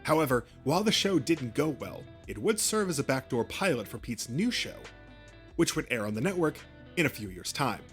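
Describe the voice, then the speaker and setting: A man narrating a history of a cartoon channel, reading a script with small slips and restarts. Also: medium pitch. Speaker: YouTube narrator.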